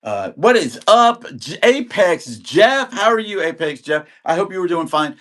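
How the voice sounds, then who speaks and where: In a high, slightly bright, sing-song voice at a measured pace, a recovering man in his sixties sells videotapes on a live auction stream. He rambles casually and calls out to viewers by name.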